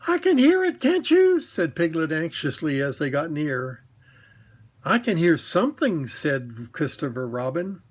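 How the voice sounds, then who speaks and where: An older man voicing a tiny, timid young male piglet who squeaks and stammers breathlessly. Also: big pitch swings, measured pace, slightly rough, heavily acted. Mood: anxious. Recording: dull lo-fi recording.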